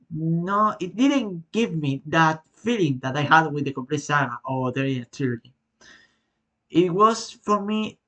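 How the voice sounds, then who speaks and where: A Spanish-accented man, a native Spanish speaker, answers viewer questions in a relaxed vlog. His voice sits a little high. He talks haltingly, with plenty of fillers and self-corrections. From Spain. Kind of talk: casual Q&A vlog.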